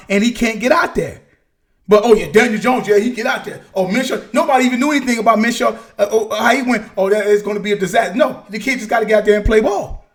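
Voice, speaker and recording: A man with a fairly high voice hosts a loose sports talk show. He rants in an animated way, restarting his words and using folksy slang. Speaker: podcast host. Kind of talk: casual sports rant.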